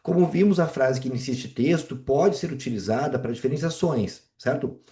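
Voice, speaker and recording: A man's voice: mid-range voice, a little fast, warm tone, roomy sound. A man teaching Portuguese on a live video call. He works through exam questions casually and keeps checking in with his students. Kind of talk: live online exam walkthrough.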